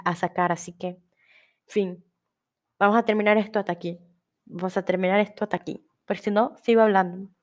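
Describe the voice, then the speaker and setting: On her casual solo podcast, a young woman with a Panamanian accent speaks in a medium-pitched, slightly mellow voice. She wanders from point to point in a chatty way, frequently stopping herself partway through a word.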